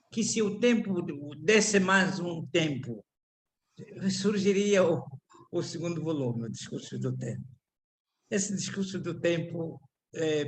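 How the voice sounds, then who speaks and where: An older Angolan man with a high voice speaks Portuguese in an Angolan accent, delivering a reflective lecture. His delivery is halting, full of restarts and repeated words.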